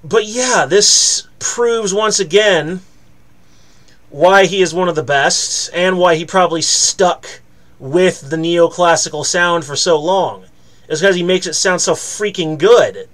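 Male reaction host, slightly higher-pitched, chatty and self-deprecating, lots of ums. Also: slow pace, a bit bright. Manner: rambling, self-mocking, hesitant fillers. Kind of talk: casual reaction commentary.

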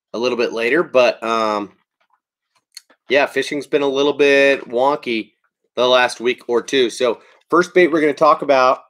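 A man's voice: medium pitch, fairly bright tone. A man in his thirties hosting a casual fishing livestream from home, chatting easily and greeting viewers by name.

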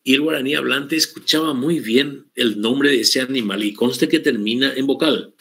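A man's voice: medium pitch, gravelly, a bit bright. Man teaching a Guaraní class. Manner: explanatory, repeats words slowly for students. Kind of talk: online class lecture.

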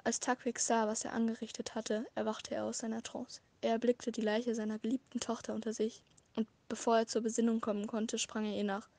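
A woman narrating a fan-written story as a short audiobook, with a measured, dramatic reading and occasional slips. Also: fairly high pitch, flat delivery, vocal fry, darkish tone. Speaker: amateur audiobook reader.

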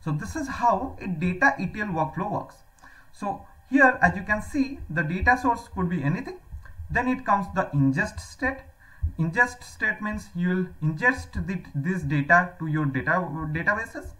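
A woman's voice: mid-range voice, lively intonation, moderate pace, fairly bright tone, poor audio. A woman teaching a slide-based tech lecture, explaining each term step by step and often restating it with "that means". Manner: explanatory, repeats "that means", self-corrects. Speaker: cloud computing instructor. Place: voice-over on slides.

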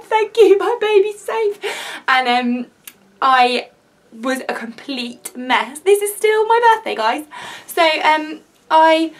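A young woman, animatedly retelling a frightening family story to camera in a casual vlog. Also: high-pitched. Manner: animated, emotional retelling with laughs. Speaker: vlogger.

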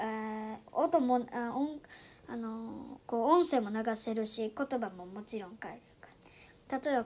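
A chatty woman with a high, light voice walks viewers through a phone app in a casual tutorial. She fills her talk with little fillers and often drops into soft, near-whispered asides. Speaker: YouTube channel host.

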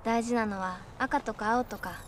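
A woman's voice: a little high, a little slow, slight background noise, natural voice. A young woman playing a naive, dreamy schoolgirl heroine in a TV hero parody, childlike and earnest, in an echoey sound with music. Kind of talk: live-action TV hero parody acting.

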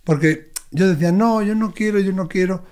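A man, a medium, telling expressive stories as an interview guest. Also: high voice, moderate pace. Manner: expressive, animated anecdotes. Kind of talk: conversational storytelling.

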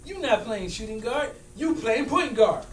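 A man takes on the role of a high-voiced, riled-up basketball coach, stubborn and insistent as he argues with his friend in an acting class comedy scene. His delivery is animated but measured in pace, with faint music behind. Captured by a far camera in a large indoor room with a small stage, the audio is distant and echoey, with hum and noise.

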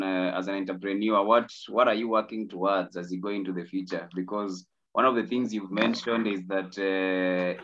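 A man's voice: on the low side, fairly bright tone. A male interview host who asks questions and agrees often with short hums. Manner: encouraging, many hums of agreement. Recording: dull lo-fi audio.

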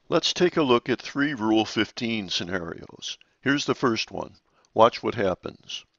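A man narrating a slide-based lesson on sailing rules in a measured, explanatory way. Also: lowish voice, gravelly, a bit bright, dry recording, muffled recording. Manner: measured, explanatory, occasional restarts.

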